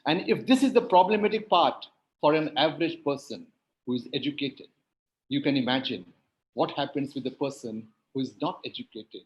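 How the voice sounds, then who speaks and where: A man whose first language is Hindi and Urdu speaks as a linguistics academic on a panel, delivering emphatic, lecture-like points with rhetorical repetition. His voice is mid-range, and the recording is low quality.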